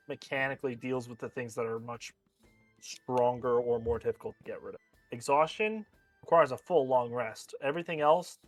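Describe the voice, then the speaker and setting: A man's voice: mid-range voice, no room sound. A man playing a tabletop game over an online call. His voice keeps cutting in and out, and he talks hesitantly and restarts often. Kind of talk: casual rules debate during a tabletop game. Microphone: online voice chat.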